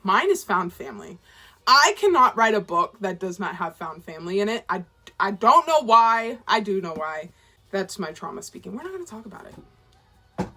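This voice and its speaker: Lively bright young woman rambling vlog-style. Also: medium pitch, moderate pace. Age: 20s. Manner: rambling, self-deprecating, chatty. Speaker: author and vlogger.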